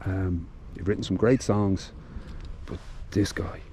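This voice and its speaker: Vlogging outdoors, a Dublin man chats heartfelt and casual, stumbling through plenty of fillers and restarts. He takes it slowly in a low, dark, steady voice, and there's a little hiss or hum on the track.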